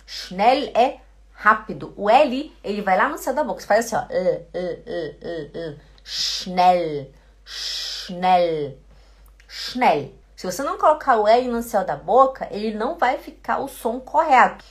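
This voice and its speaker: A woman's voice: on the high side, expressive. A Portuguese-speaking woman teaching German pronunciation, repeating each word again and again. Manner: slow, repeats words many times. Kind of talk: pronunciation lesson.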